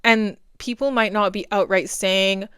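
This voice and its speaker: Woman in her twenties, podcast host, chatty, self-deprecating, crisp clear voice, dry sound. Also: medium pitch, fairly even intonation, measured pace, bright, forceful tone, no echo. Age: 20s. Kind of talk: solo podcast monologue.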